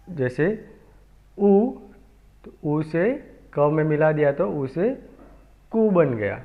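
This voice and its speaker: A man teaching a children's alphabet lesson, speaking slowly and patiently, repeating each sound for young pupils. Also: a little high. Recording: tinny phone-like recording.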